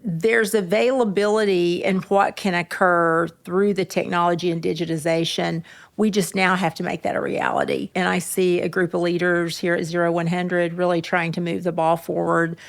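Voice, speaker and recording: Female exec panelist, low voice with gravel, confident delivery. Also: normal speed. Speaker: panel guest, executive. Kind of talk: panel discussion.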